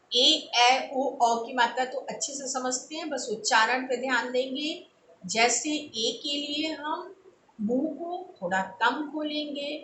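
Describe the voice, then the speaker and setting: A woman teacher giving a recorded lesson to young children, slowly and deliberately saying sounds for them to copy and checking that they understand. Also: sits high, fairly bright tone, reverberant, a little hiss or hum, rough recording.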